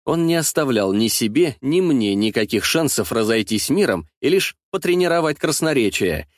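A male narrator reads a first-person historical audiobook in an expressive storytelling manner. His mid-pitched voice rises and falls a great deal, and the close studio recording is completely dry. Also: normal speed, no room sound.

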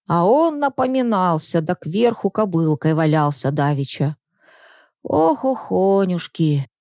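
A woman's voice: fairly low pitch, sing-song, unhurried, a little mellow, no room sound, studio quality. A woman doing a sighing, lamenting old neighbour woman. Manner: lamenting, sing-song.

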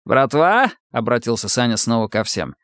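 A man reading a novel aloud as an audiobook narrator with expressive storytelling. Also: mid-range voice, fairly quick, no room sound, studio quality.

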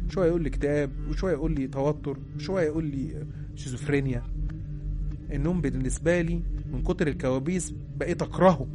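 A man with an Egyptian Arabic accent tells true horror tales at a rapid clip, keeping his delivery hushed and suspenseful. His voice sits a little higher than most men's. The narration is recorded over clearly audible background music. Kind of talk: dramatic horror storytelling.

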